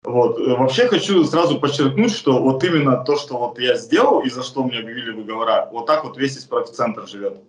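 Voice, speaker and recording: A man in his thirties speaks straight to a close camera in a bare indoor room, giving first-person testimony about his own case. His medium-pitched voice is animated and fairly quick with few pauses, plain and earnest yet frequently hesitant. The recording is reverberant and low in quality.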